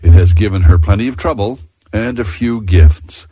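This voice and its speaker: A male radio host reads a scripted introduction with a reflective, measured delivery. His voice is low and mellow. The studio sound is dry and close. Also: slightly rough, no room sound.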